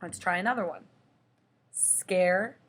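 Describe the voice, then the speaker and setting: A young woman teaching a children's lesson, slow and patient, stretching out the example words. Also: fairly low pitch, a bit bright. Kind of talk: children's lesson explaining syllables.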